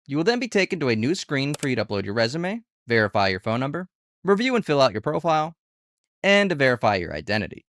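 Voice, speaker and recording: A man's voice: mid-range voice, big pitch swings, fast talker, a bit bright, no room sound, studio quality. A man hosting a conversational review and tutorial, speaking casually and candidly and posing rhetorical questions. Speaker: video host reviewing online gig work platforms.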